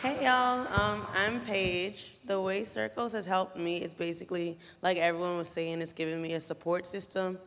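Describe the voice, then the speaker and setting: A woman from the Bahamas, lowish-voiced and a bit bright, speaks at normal speed in a steady tone with hardly any pauses. As a programme participant at a graduation event, she gives a chatty, anecdotal testimonial to the audience in a large echoey hall with long reverb.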